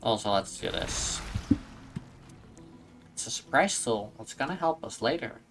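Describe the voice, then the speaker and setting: A man's voice: lowish voice, animated, measured pace, creaky, over music. A man talking casually as he plays a co-op video game. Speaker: gaming streamer. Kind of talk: casual co-op gameplay chat.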